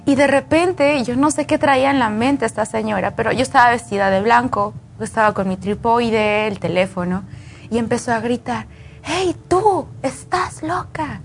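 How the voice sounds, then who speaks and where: Woman, animated storyteller on a health radio chat, slightly high voice. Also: normal speed, gravelly, a little hiss or hum.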